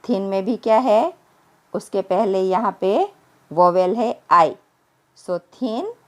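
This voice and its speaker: A primary school English teacher with a mid-range, lively voice records a grammar lesson, speaking slowly and spelling words letter by letter. She mixes Hindi and English, keeping her English phrases slow and deliberate while explaining more quickly in Hindi.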